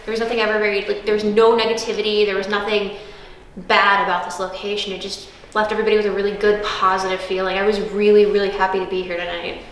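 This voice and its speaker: Woman, host, upbeat wrap-up, fast talking, very echoey room. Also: mid-range voice, flat delivery, a little hiss or hum. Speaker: paranormal show host. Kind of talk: casual wrap-up to camera. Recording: very echoey room, faint ambience.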